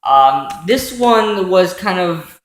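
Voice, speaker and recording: A man's voice: sits high, expressive, echoey room, low-quality recording. Rambling man with many ums. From New York, raised in Pennsylvania. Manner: halting, many ums and self-corrections. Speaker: football vlogger recapping playoffs. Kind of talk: casual solo commentary from notes. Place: at home.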